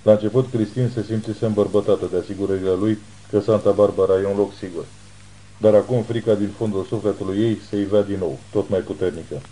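Man reading an audiobook, low voice, super dark mellow tone, steady. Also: poor audio. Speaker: audiobook narrator. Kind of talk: scripted narration.

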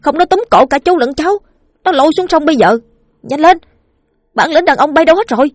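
A woman's voice: high voice, animated, fairly quick, no room sound, faint music behind, pitched above the performer's own voice. A woman voicing a bold young boy ghost hunter, urging and commanding in a raised voice. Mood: urgent. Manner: urgent, commanding.

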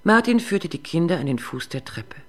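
A woman reading a literary short story aloud in a composed, even narrating voice. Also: fairly low pitch, moderate pace.

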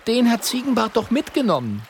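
Young porcupine girl, voiced by a man, high and earnest, caring, children's audiobook. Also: wildly swooping pitch, brisk, a little hiss or hum, heavily acted. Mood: concerned.

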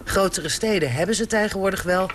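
Man filing a measured radio report. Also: high voice, noisy background. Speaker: foreign correspondent.

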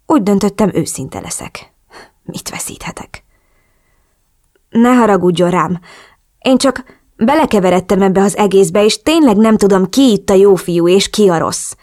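A woman's voice: mid-range voice, a little mellow. A woman narrating a novel in the first person, earnest and emotional, pleading in the heroine's dialogue. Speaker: audiobook narrator.

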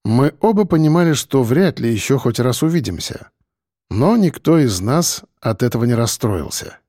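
A man narrating a first-person audiobook in a calm storytelling manner. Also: medium pitch, normal speed, dry recording, clean studio sound.

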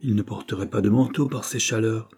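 Man voicing a stern worried dad, low warm voice, husky, storybook. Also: fairly even intonation, a little fast. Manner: stern, tense questioning. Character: anxious middle-aged father, stern then grieving.

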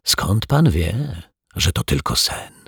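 A man voicing a sly, menacing male stage magician with a raspy voice, in a storybook reading. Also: low-pitched, big pitch swings, dry recording, studio quality, heavily acted. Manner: slow, mocking, teasing menace.

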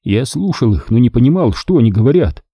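A man narrating an audiobook, voicing the soldiers' lines himself in a raised pitch. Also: very animated, brisk, mellow, slightly rough, dry recording, studio quality.

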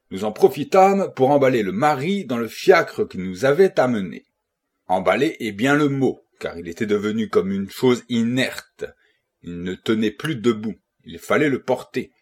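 A man reading a classic novel aloud as an audiobook narrator, voicing the characters' lines as he goes. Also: slightly rough. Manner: voices characters' quoted lines with lively, rising pitch.

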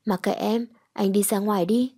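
A woman's voice: medium pitch, fairly even intonation, moderate pace, dark tone, husky. Woman reading as a sulky, stubborn young woman. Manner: snappish, sulky.

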